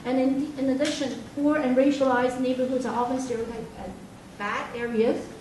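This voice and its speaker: A woman from Hong Kong gives a measured, earnest speech, often pausing with fillers. Her voice sits a little high. She is picked up from a distance in a very echoey meeting room with faint background hiss. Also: steady tone, a little mellow. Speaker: speaker at a public forum. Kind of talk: public speech. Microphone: far from the recording mic. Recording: echoey hall recorded from far off.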